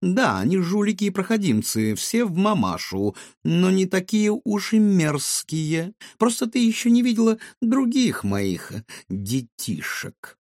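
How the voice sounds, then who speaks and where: A scheming middle-aged fortune-teller in a children's audiobook, put on by a male narrator, pitched high and stretched out slowly. Her sweetness is false, with a slight husk to the voice. The whole thing sounds like a dry, close reading. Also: big pitch swings, darkish tone, no echo, heavily acted. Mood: gloating. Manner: slow, drawling and mock-sweet.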